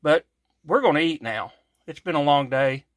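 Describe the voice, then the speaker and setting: A man's voice: fairly high pitch, lively intonation, moderate pace, no echo. Appalachian man hosting a cooking vlog. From Kentucky, USA. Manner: folksy, self-correcting, chatty asides. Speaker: cooking channel host. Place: home kitchen.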